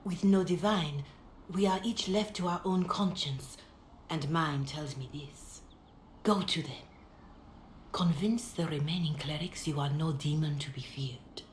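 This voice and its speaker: An actress playing a calm, compassionate middle-aged holy mother in a fantasy video game, speaking in a measured, gentle, solemn way. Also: low voice. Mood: earnest, persuasive. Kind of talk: dramatic video game dialogue. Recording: roomy echo, background ambience noise.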